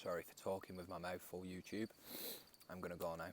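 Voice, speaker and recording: Casual male cycling vlogger, low voice, rambling and chatty, recorded outdoors with wind noise. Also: little pitch movement, a little fast. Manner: rambling, chatty, many fillers. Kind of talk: casual vlog narration while riding. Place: outdoors on roads at night. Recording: windy outdoor phone recording.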